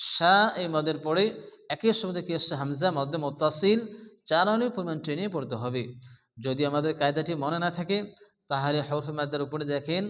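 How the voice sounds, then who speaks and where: A man teaching Quran recitation step by step with a Bangladeshi Bengali accent, explaining patiently, asking the class questions and chanting the verses slowly and melodically. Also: fairly high pitch, pushed and bright. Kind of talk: step-by-step tajweed lesson. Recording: long reverberant echo.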